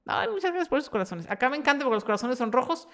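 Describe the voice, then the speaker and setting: A woman's voice: sits high, sing-song, very fast, a bit bright. A woman hosting a live stream Q&A about her freelance workshop, reading viewer comments aloud in a chatty, encouraging way.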